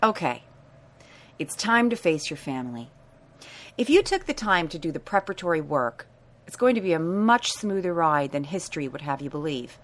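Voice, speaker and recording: A woman talks through self-help advice with a blunt, sassy edge. Her pitch swoops widely as she leans on her points. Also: moderate pace. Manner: sassy, blunt, animated delivery.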